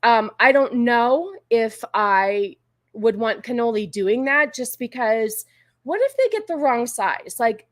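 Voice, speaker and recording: A woman with a slightly high voice hosts a livestream. She talks informally to her viewers and drifts from thought to thought. The sound is close and dry. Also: animated, slow, no room sound. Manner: informal, rambling, easily sidetracked. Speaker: livestream host. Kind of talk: casual chat with live viewers.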